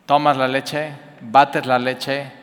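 A man's voice: mid-range voice, slow. Man preaching in an echoing hall. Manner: lively and conversational, asks the listeners questions. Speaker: pastor. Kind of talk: sermon.

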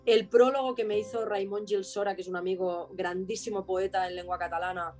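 A woman's voice: mid-range voice, fairly even intonation, a little fast, darkish tone. A woman from Spain, a singer and poet, talking with passion and emphasis in a casual interview.

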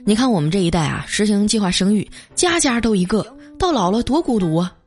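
A woman's voice: medium pitch, lively intonation, a little fast, darkish tone, slightly rough. A woman streamer telling comic stories in a chatty way, drawing out her sentence particles. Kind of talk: comic storytelling.

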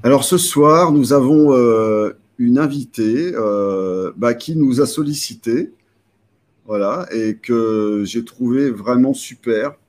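A man's voice: mid-range voice, slow pace, darkish tone. A man hosting a casual live stream, rambling with many fillers and restarts.

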